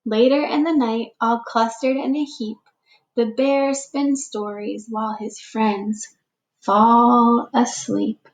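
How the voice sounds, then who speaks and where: A woman teacher reading a picture book aloud to young children, slow and expressive, giving the animals little voices. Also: a little high. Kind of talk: read-aloud storytime for children.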